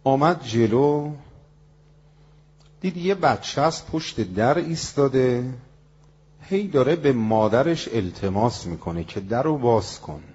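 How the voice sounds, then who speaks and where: Husky male preacher telling a moral tale. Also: medium pitch, lively intonation, pauses often, darkish tone. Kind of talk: sermon storytelling. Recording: dull lo-fi recording.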